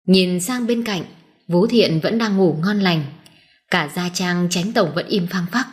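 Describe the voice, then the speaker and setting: A woman reading a dramatic story aloud in a steady, tense narrating voice. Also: fairly low pitch.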